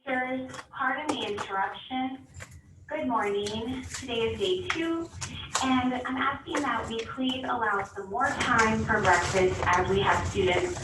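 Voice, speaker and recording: A woman on the school staff making a polite, businesslike announcement, heard through a school intercom loudspeaker in a classroom. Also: on the high side, unhurried. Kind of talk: formal public announcement. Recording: echoey, distant, noisy intercom speaker.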